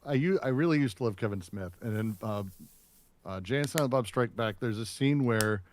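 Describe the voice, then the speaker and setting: A man's voice: medium pitch, expressive, a little fast, slight background noise. Blunt, exasperated man on a podcast. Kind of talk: casual podcast chat.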